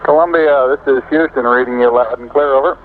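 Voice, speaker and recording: A man's voice: medium pitch, a little fast, narrow, tinny audio. A man speaking in a clipped, procedural radio exchange, fading in through static on an old archive transmission.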